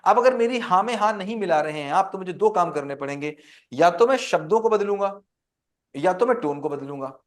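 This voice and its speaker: Man, high voice, teacher, interactive lecture, asks the class questions. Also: expressive, fairly quick. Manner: quizzes the class with call-and-response questions.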